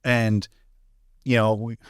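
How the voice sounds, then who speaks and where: A man's voice: fairly low pitch, level tone, slow, smooth, dry recording, studio quality. A man co-hosting a business podcast, reflective and emphatic, often restarting his sentences. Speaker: podcast co-host and business coach. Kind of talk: casual podcast conversation.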